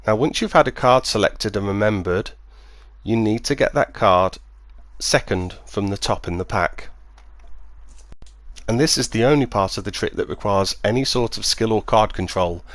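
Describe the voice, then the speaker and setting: A man speaking as a magician, demonstrating and explaining a card trick step by step in clear, measured phrases. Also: lowish voice, a bit bright, dry recording. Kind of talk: instructional demonstration, patter and explanation.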